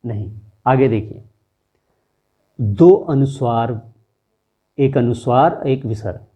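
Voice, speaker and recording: A man's voice: mid-range voice, lively intonation, mellow, breathy edge. A man teaching a Hindi grammar lesson, reciting letters one by one and counting them aloud. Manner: deliberate, explanatory. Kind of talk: slow classroom lesson.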